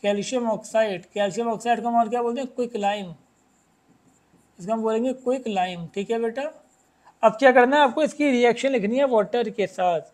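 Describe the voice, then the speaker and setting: A man with a very high voice, teaching a chemistry class. He reads out exam questions in a slow, careful way, then explains each one and keeps checking that his students have understood. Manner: addresses students as "beta", keeps asking if it is clear; reads English questions slowly, explains in Hindi. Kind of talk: chemistry lesson.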